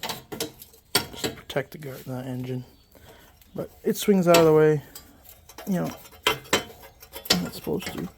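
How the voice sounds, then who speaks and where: A somewhat slow, medium-pitched voice with long pauses comes through over background noise. It's a repair channel host with a lingering cold, stuffed up and casually explaining a mower engine repair in a workshop. The talk rambles, with self-corrections and many fillers.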